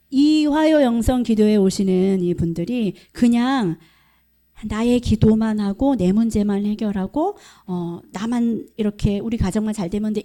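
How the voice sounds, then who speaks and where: A woman's voice: on the high side, dark tone. A middle-aged woman pastor preaching a sermon at a prayer meeting, emphatic and questioning the congregation. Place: church hall.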